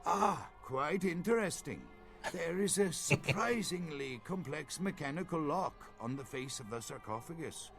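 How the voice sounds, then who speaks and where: An anxious, indignant archaeologist held captive. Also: male voice, fairly high pitch, expressive, a little slow, a bit bright, faint music behind. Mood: lecturing. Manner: indignant, then lecturing and scholarly. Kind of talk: video game voice acting.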